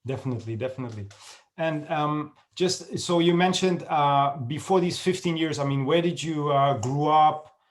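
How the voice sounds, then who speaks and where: Male podcast host, somewhat high voice, friendly, halting, lots of fillers. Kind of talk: casual interview chat.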